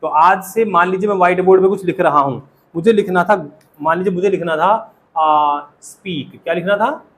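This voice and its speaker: A fairly high-pitched man with an Indian accent teaches a classroom of students in a lively way. He slows down to model each English phrase and quizzes the class often. A faint hum of room noise sits behind him. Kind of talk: classroom lesson.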